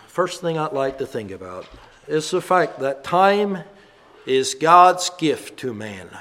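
A man in his fifties preaches a Sunday-morning sermon in a voice pitched a little high. He talks in a reflective way and reminisces like a storyteller as he leads his congregation. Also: a bit bright. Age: 50s. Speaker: minister.

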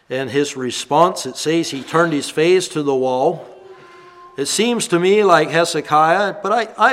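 Fifties male preacher, slightly high-pitched, thoughtful and reminiscent. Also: fairly bright tone. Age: 50s. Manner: reflective, reminiscing storyteller. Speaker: minister. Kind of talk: sermon.

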